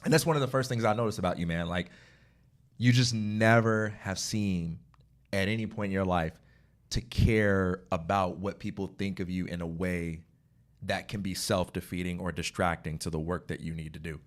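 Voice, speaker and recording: A man's voice: deep voice, moderate pace. A man co-hosting a casual podcast, telling stories with lots of laughter and acted-out quotes. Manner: animated storyteller, laughs often, acts out quotes. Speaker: podcast co-host. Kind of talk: casual chat.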